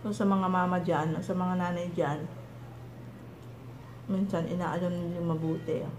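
A woman with a Filipino accent talks around a mouthful of food, rambling and trailing off as she goes. Her voice sits a little low. Clear household noise runs behind her. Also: flat delivery, normal speed, roomy sound. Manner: rambling, chatty, trailing off into fillers. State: mouth full. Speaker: mukbang vlogger. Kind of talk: casual chat while eating.

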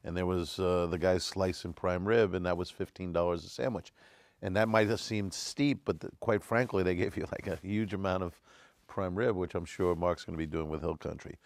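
A man in his forties speaks as a restaurateur guest on a TV studio panel. His voice is low with a gravelly fry. He explains frankly with examples, close on a dry lapel mic. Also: fairly even intonation, brisk, dry recording. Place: dark TV studio set.

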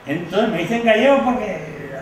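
An older man from Galicia, Spain, a former rebel soldier, looks back on the war during an interview in an indoor living room, speaking reflectively and often ending with a questioning "¿no?". His voice is high-pitched with lively intonation at normal speed. The very echoey recording has the mic far off and a little hiss or hum.

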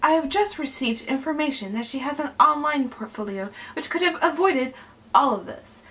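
A young woman in a casual, playful voice-over, mocking herself and dropping into hushed asides. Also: high-pitched, lively intonation, moderate pace, slight background noise, rough recording. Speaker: vlogger. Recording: voice over clear background music.

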